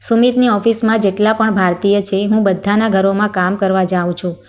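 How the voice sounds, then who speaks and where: A woman voicing a caring, widowed older housekeeper who speaks softly and reassuringly in a storybook tale. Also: mid-range voice, steady tone, fairly quick, lightly acted. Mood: sad.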